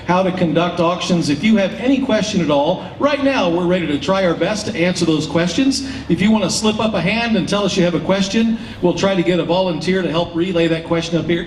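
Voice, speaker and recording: Speaking fairly quickly in a high voice and scarcely stopping for breath, a man emcees a public event and walks the audience through things in a folksy way. He is an auctioneer and event host; the recording sounds distant and roomy over a PA, with slight noise.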